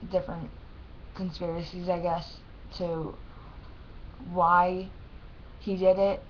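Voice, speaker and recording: A young adult woman with a lisp and thick, swollen-tongue speech, talking haltingly and plainly in a casual personal vlog. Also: fairly low pitch, level tone. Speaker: vlogger. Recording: dull lo-fi sound with faint noise.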